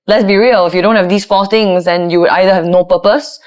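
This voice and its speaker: This is a woman talking in a podcast interview. Her voice is low, resonant and full. She chats casually and with animation, often ending her lines with "lah". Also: fairly even intonation, quick pace, darkish tone, clean tone. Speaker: guest, voiceover artist.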